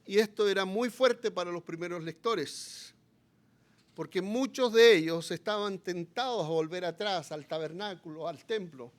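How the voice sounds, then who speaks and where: Speaking at a moderate pace, this pastor with a Chilean accent preaches a sermon that alternates between fervent, loud pleas and soft, subdued passages.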